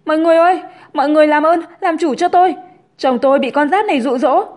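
A shrill, scheming pregnant young woman, put on by a woman storyteller, loud and accusing, her voice pitched up high. She throws barbs and wails theatrically in a spoken storybook. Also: a little fast, natural voice.

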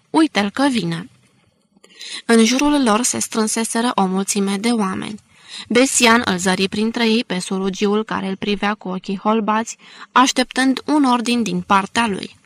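Woman reading an audiobook, steady and measured, dry close sound. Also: medium pitch, no room sound. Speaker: audiobook narrator. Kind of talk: scripted narration.

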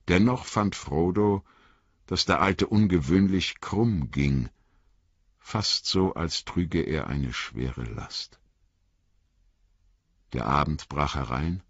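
A man reading an audiobook in measured, calm storytelling narration. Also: a bass voice, breathy edge, no echo. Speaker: audiobook reader. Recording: dull lo-fi dry studio recording.

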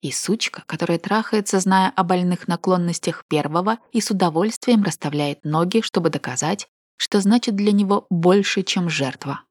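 A woman's voice: on the low side, moderate pace, hardly any pauses, no echo, studio quality, close to an everyday voice. A woman voicing a wounded, indignant young woman. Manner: heated, emotional, accusing.

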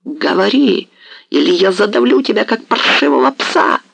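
A man voicing a furious, ruthless Cossack hetman, shouting hoarse threats in an audiobook. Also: high-pitched, expressive, normal speed, no echo, pitched above the performer's own voice, full character voice, rough recording. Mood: enraged. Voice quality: hoarse, wild, raging. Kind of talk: audiobook character reading.

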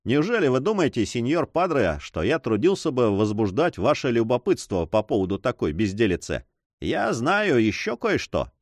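A man's voice: mid-range voice, sing-song, normal speed, no echo. A self-assured adventurer who toys with his listener, as a male reader voices him. His talk rises and falls with playful emphasis. Close, dry storybook reading. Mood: mocking. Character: mocking confident French adventurer, adult male.

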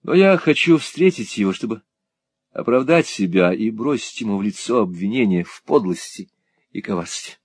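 Reader as polite, earnest young gentleman, lively intonation, dry close sound. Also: fairly low pitch, moderate pace, breathy edge, no echo. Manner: polite, sincere, gently playful. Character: earnest, gallant, worn-down young man. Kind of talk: audiobook character voice.

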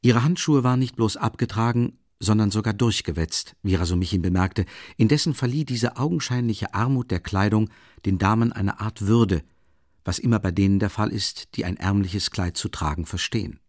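A man narrating an audiobook in a measured, calm storytelling manner. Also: on the low side, no room sound, studio quality.

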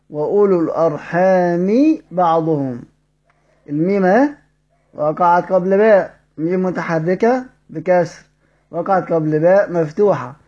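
A man with an Egyptian accent teaches the rules of recitation, explaining each one and then chanting verse examples slowly. His voice sits a little high and sounds mellow. The recording is dull and lo-fi. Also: breathy edge. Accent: Egyptian Arabic. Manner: asks questions of students, then answers them. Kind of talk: recorded tajweed lesson.

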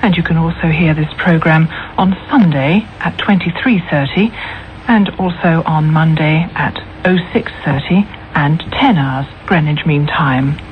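A woman reads programme announcements with measured, crisp diction, in the manner of an old newsreel. Her lowish voice comes through a thin, narrow old radio broadcast with a faint hiss behind it. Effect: old newsreel-style vintage broadcast sound.

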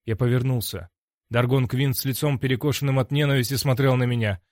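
A man narrating a first-person fantasy audiobook in an even, measured way. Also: mid-range voice, no echo, clean studio sound.

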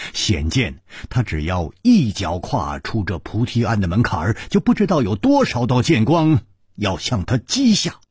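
Lively, husky male storyteller. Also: on the low side, no echo, clean studio sound. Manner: dramatic, vividly inflected. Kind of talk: Chinese oral storytelling on radio.

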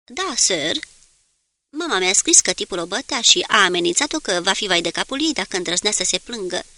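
A timid young ship's machinist stumbles through his answers in halting, broken-off sentences, read by a woman. The voice has a gravelly edge and a bright, tense color. He sounds like an uneasy sailor in an audiobook. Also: high-pitched, sing-song, dry recording, exaggerated voice. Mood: halting, anxious.

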